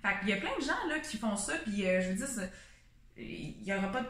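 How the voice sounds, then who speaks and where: A woman's voice: mid-range voice, big pitch swings, fairly quick, fairly bright tone, reverberant. A woman with a Québécois French accent, a nutritionist co-hosting a casual chat, who explains things step by step and thinks aloud with restarts. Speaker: nutritionist co-host.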